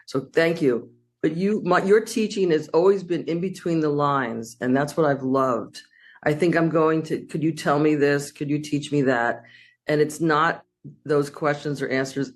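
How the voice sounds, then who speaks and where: A woman, a former student, thanking her teacher in a rambling, gushing way. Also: low-pitched. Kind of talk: casual thank-you speech.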